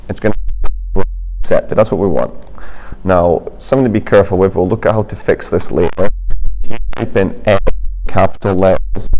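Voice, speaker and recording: Low-voiced man teaching coding. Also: a little mellow. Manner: plain, patient step-by-step explaining with fillers. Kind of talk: screen-recorded coding lesson.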